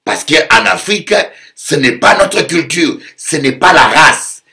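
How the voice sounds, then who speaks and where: A man from Africa preaching a sermon, swinging from low, soft asides to loud animated outbursts and mimicking others in falsetto. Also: slow pace. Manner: mimics voices with high falsetto. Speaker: pastor.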